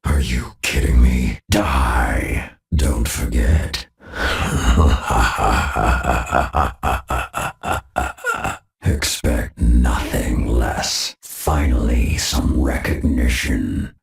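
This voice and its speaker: Menacing game assassin, extremely deep gravelly growl, very slow, bitter. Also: male voice, roomy sound, heavily acted. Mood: cold menace. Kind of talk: video game character voice lines.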